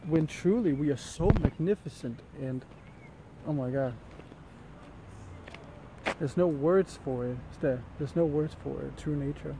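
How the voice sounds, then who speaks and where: A man's voice: a little high, measured pace, creaky, pauses often. A man who is a bit under the weather, talking casually to camera as he walks outdoors, musing and often searching for words. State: a bit sick with an ear infection. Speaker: vlogger. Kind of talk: casual rambling talk to camera while walking outdoors. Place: outdoors in jungle, light rain. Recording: outdoor ambient noise. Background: faint outdoor ambience.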